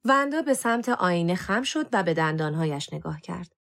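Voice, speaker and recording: A woman reading a novel aloud as a narrator, with an expressive, varied delivery. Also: on the low side, creaky. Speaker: audiobook narrator. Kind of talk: scripted storybook narration.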